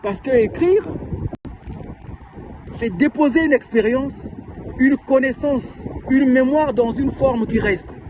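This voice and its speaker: A man's voice: very high-pitched, slow pace, long pauses, noisy background. A man from Brazzaville with a Congolese French accent, an author giving a passionate personal testimony full of rhetorical questions. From Republic of the Congo (Brazzaville).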